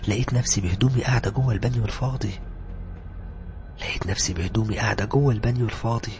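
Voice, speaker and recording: A man with an Egyptian accent narrating a horror story in a hurried, tense way. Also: on the low side. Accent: Egyptian Arabic. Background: music.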